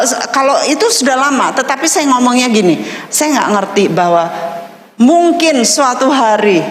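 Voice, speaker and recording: A middle-aged woman, preaching in a fairly high voice. She tells stories and speaks straight to her listeners. Her voice rings through a large hall with a long, echoing reverb. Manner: storytelling, addresses audience as saudara. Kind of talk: sermon.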